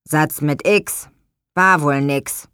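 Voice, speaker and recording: A woman's voice: a little high, expressive, moderate pace, fairly bright tone, no room sound, clean studio sound, pitched above the performer's own voice. A woman voicing an eager, impatient young boy in an audiobook, who exclaims a lot. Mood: excited. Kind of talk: audiobook character voice.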